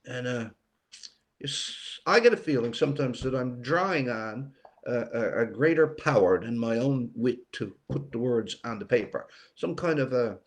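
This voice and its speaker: With an animated, mid-range voice, an older man from Newfoundland answers an interviewer's questions as a writer. He is reflective, pausing often and repeating words for emphasis.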